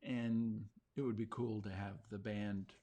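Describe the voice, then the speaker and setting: A man's voice: lowish voice, flat delivery, unhurried, mellow. A man hosting a talk show, rambling with frequent hesitant fillers. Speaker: radio show host. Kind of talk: casual talk show chat.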